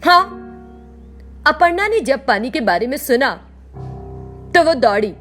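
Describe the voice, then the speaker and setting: A woman narrating a scripted children's story in an expressive storytelling manner. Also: high-pitched, measured pace, faint music behind.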